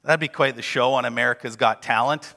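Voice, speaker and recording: A man's voice: mid-range voice, steady tone, brisk, creaky, pushed and bright, big-room sound. A man preaching a sermon, emphatic and driving home repeated refrains. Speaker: pastor.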